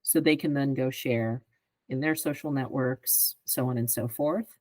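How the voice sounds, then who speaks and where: A woman in her fifties, a guest on a podcast, explaining her work in a measured way and often checking in with "right?". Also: a bass voice, a little mellow, dry recording, poor audio. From greater Philadelphia area. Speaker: advertising executive guest. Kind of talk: podcast interview answers.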